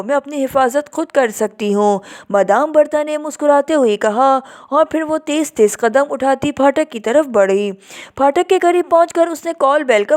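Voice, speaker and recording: Brief: female narrator for a suspense audiobook, steady delivery, higher pitch.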